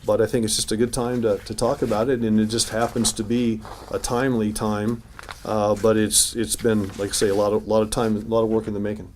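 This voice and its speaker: A man's voice: lowish voice, flat delivery, a little fast, a little mellow, slight background noise. A man speaking as mayor at a news conference, talking informally with restarts and fillers. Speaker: city mayor at a press conference. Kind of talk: press conference remarks and answers. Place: city hall news conference room.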